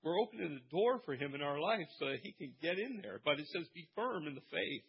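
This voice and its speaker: Animated, slightly husky man preaching. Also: fairly high pitch, a little fast, dull audio. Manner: animated preaching, shouting the calls, joking asides. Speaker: pastor. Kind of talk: sermon.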